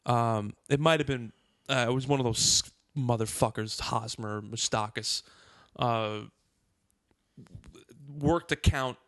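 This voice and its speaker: Animated, foul-mouthed male storyteller. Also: mid-range voice, no room sound, studio quality. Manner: animated, profane storytelling with fast asides. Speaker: podcast co-host. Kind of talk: casual chat.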